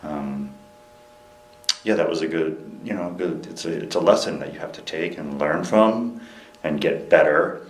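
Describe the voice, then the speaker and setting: A young man, a military veteran, speaking in a candid interview, earnest and reflective, with frequent halting restarts and fillers. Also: extremely low pitch, reverberant, poor audio. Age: young adult.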